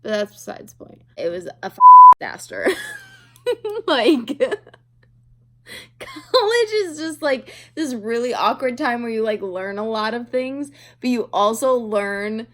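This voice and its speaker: A woman's voice: fairly high pitch, normal speed. A woman in her twenties telling a casual, chatty story, rambling and self-deprecating with a giggly manner. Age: 20s. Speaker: video creator telling a story. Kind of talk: casual chatty storytime while doing makeup.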